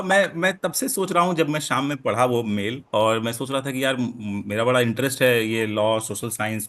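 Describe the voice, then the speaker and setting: A man's voice: mid-range voice, a bit bright. A young man co-hosting a podcast, chatting casually, laughing often and wrapping things up at length. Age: young adult. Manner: laughs often, drawn-out conversational wrap-up. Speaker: podcast co-host.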